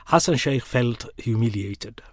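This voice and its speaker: A man with an East African accent, speaking as an analyst in an interview, deliberately, often repeating words as he thinks. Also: medium pitch, no echo, clean studio sound. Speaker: expert analyst being interviewed. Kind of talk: spoken political analysis.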